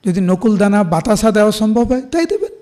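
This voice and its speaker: A middle-aged preacher with a Bengali accent and a rather high voice leads a devotional class. He moves between everyday examples and slow, chant-like verse recitation. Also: very animated, warm tone. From India.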